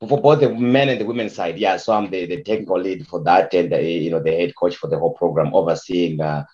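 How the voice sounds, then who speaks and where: A very deep-voiced man from Zimbabwe talks through a soccer interview with many pauses and fillers. His audio is dull and lo-fi. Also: darkish tone. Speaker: guest soccer coach. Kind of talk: casual interview.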